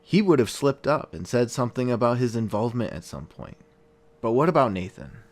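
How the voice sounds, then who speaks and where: In the role of a tired but earnest podcast investigator, a man recounts a true-crime case slowly and thoughtfully, leaning on dramatic pauses. His mid-range voice has a sing-song quality, and the mood shifts from thoughtful to probing.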